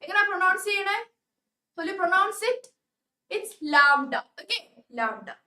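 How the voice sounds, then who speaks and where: A woman's voice: very high voice, fairly even intonation, takes it slowly, sharp tone, reverberant, far from the mic. A young woman tutor with a Malayali English accent, teaching a live online class and often checking that students follow. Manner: coaxing, checks understanding often.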